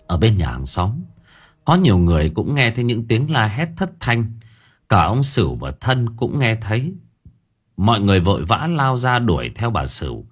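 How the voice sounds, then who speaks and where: Husky man narrating a dark story. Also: lowish voice, normal speed. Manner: dramatic, expressive storytelling. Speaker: audiobook narrator.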